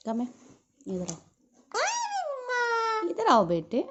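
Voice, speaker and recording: A woman's voice: on the high side, huge pitch swings, takes it slowly, muffled recording, a little hiss or hum. A woman coaxing her pet parrot in doting baby talk. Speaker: pet owner.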